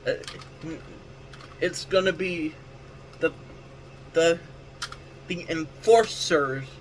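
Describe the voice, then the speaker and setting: A man's voice: a little high, very slow, a little hiss or hum, rough recording. A man hosting his own wrestling talk show, giving casual solo commentary in a rambling way, correcting himself and restarting his sentences. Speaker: wrestling podcast host.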